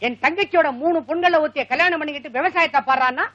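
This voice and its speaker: A man's voice: extremely high pitch, fast talker, sharp tone. A stern scolding father. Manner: scolding, exasperated. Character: stern village father fed up with his son. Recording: muffled old film soundtrack.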